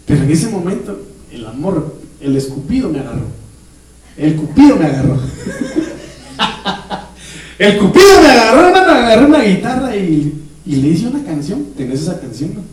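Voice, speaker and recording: High, animated preacher in an echoey church. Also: male voice, normal speed, long pauses. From Guatemala. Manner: jokey, animated preaching with laughter and sudden shouts. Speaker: pastor. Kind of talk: sermon. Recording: echoey church hall, mic at a distance.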